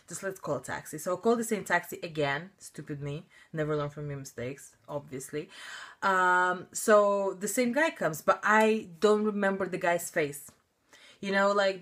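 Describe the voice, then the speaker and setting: Young woman ranting into her vlog, a bit low-pitched, chatty and fed up, lots of "like". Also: fairly bright tone. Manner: indignant, chatty, frequent "like" and "you know". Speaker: vlogger. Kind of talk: casual ranting storytelling.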